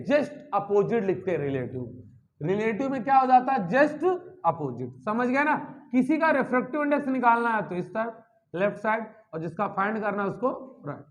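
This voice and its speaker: A man teaching a physics class, asking his students questions and answering them himself, repeating key terms. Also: high voice. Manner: mixes English terms into Hindi, repeats key words. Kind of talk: classroom lecture.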